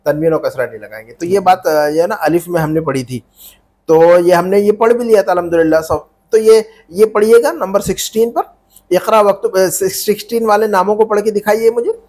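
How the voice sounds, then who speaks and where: A man's voice: high voice, a little fast, darkish tone. A man teaching Arabic grammar online, patiently repeating each rule and quizzing his students. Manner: mixes Hindi-Urdu with Arabic terms.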